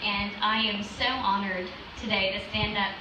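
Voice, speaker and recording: A woman's voice: medium pitch, fairly even intonation, moderate pace, far from the mic, background noise. A young woman giving a wedding speech as matron of honor, partly reading from notes over a microphone. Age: young adult. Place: open-sided wedding reception tent. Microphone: stand microphone through PA, filmed by audience phone. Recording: echoey PA heard from off, faint music.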